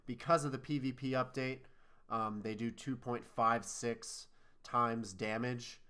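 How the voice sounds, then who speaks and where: His mid-range voice is steady, measured, bright and forceful, with a clear, resonant tone. Even so, this casual podcast co-host sounds nasal and congested from a cold, wandering in his talk and correcting himself.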